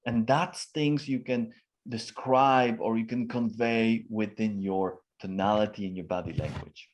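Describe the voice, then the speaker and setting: A man with a lowish voice talks a little slowly, with slight noise behind him, as he answers interview questions as a communication expert. He is emphatic, highly varied in tone, and frequently uses fillers.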